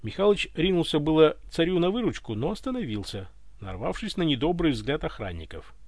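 A man narrating an audiobook with expressive storytelling. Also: fairly high pitch, a little fast, no room sound, clean studio sound.

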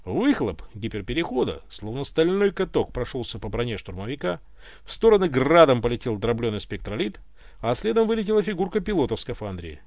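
A man narrating an audiobook with lively storytelling. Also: mid-range voice, fairly quick, no echo.

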